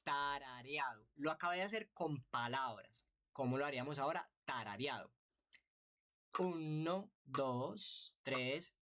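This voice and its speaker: A man's voice: mid-range voice, normal speed, hardly any pauses, pushed and bright. A man teaching an online music theory lesson, patient and explanatory, often checking in with rhetorical questions.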